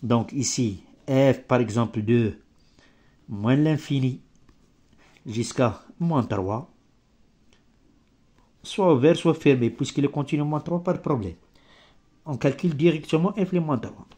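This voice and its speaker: A man with a mellow, dark voice of medium pitch gives an improvised maths lesson. He is not a native French speaker and talks slowly in halting, broken French, often searching for a word and making small grammatical slips. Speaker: maths teacher.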